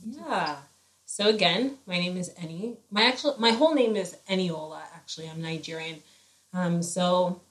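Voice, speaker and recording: A woman's voice: fairly low pitch, poor audio. A woman in her late twenties from New Jersey, co-hosting a podcast in easygoing casual chat, laughing often and trailing off with ums. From New Jersey, USA. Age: 20s. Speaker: podcast co-host.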